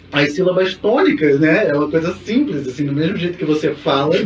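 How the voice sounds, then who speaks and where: A man co-hosting a casual podcast, explaining things in a relaxed way and laughing often. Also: high voice. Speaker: podcast co-host. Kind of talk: casual chat. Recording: echoey room, distant mic, dull sound, faint noise.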